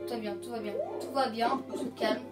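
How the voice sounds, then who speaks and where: A woman giving casual let's-play commentary on a video game. She is excitable, yelps when startled and repeats phrases to calm herself. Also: on the high side, a little fast. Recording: roomy sound with loud game music.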